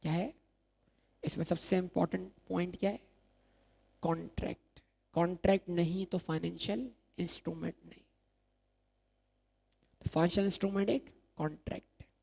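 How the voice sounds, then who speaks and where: Gravelly male lecturer. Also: sits high, fairly quick, pauses often, a little mellow. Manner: asks rhetorical questions and answers them himself, repeats key terms. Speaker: accounting lecturer. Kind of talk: recorded exam-prep lecture.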